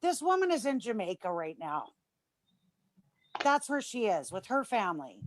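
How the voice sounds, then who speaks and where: A woman's voice: medium pitch, sing-song, normal speed, dry recording. A woman giving an emphatic, gushing testimonial on a video call, at times choked up. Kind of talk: emotional testimonial.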